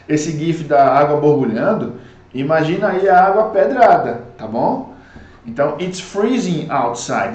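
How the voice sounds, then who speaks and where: A Brazilian man with a slightly raised voice explains English vocabulary in a lively, chatty teaching manner. He keeps checking in with his students as he goes. The recording has a noticeable echo of the room around him. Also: a little high. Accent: Brazilian Portuguese. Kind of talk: recorded online lesson.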